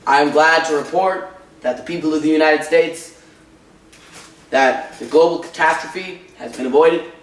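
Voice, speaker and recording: A man's voice: fairly high pitch, normal speed, natural voice. A young man playing an American president giving a formal address to the nation. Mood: solemn. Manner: speech-like address. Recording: echoey room, mic far off.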